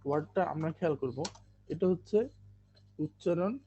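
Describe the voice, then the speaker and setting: Slow, careful male English teacher. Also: fairly high pitch, mellow, slight background noise, poor audio. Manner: reads English lines slowly and drills pronunciation; explains step by step with many okays. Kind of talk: online live class teaching.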